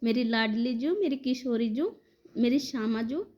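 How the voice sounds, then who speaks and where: A woman's voice: on the high side, expressive, measured pace, lo-fi sound. A woman telling devotees about a spiritual vision in a conversational, devotional way. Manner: warm devotional address, conversational retelling. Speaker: devotional storyteller.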